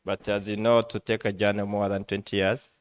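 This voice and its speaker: Flat low-voiced interpreter. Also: male voice, smooth, no echo. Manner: halting, with restarts and fillers while translating. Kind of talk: live consecutive interpretation into English.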